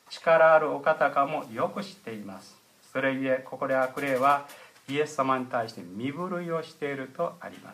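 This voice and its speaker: Measured, hesitant middle-aged male pastor. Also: mid-range voice, bright, forceful tone. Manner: measured, explanatory, with frequent hesitation fillers. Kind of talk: sermon.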